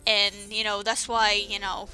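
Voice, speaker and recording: A woman's voice: mid-range voice, little pitch movement, unhurried, pushed and bright, faint music behind. A woman giving casual, rambling commentary over a game playthrough, with many fillers and restarts. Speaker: let's-play commentator.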